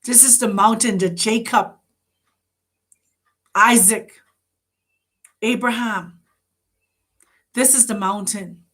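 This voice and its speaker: A woman's voice: medium pitch, slow, long pauses, fairly bright tone. A woman hosting, giving an impassioned spiritual address full of rhetorical questions and urgent appeals to her listeners. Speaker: host.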